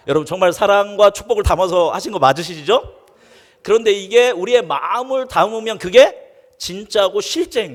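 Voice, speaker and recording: Higher-voiced male pastor in a reverberant church. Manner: asks the congregation questions and answers them himself; reads scripture slowly and solemnly. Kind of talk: sermon. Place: church sanctuary. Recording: long reverb of a church sanctuary.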